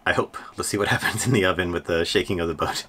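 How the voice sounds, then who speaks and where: A man in his thirties talking casually to the camera as a sailing vlogger, relaxed and chatty with small laughs, recorded aboard a small boat. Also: low voice, quick pace. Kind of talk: casual vlog narration. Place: small boat cabin and deck.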